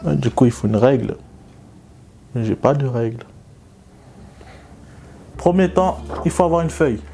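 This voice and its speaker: A young man vlogging casually while he draws. He talks in slang, mocks himself and jumps up into excited bursts. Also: mid-range voice, unhurried, creaky. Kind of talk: casual joking commentary while drawing.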